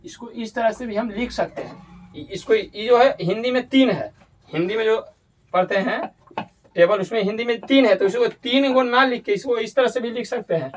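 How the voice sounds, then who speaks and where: Guy teaching grammar, keeps repeating and fixing himself, higher voice, kinda far from the mic. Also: moderate pace. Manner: explanatory, repeats points, corrects himself. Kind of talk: classroom-style grammar lesson. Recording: voice from away from the mic.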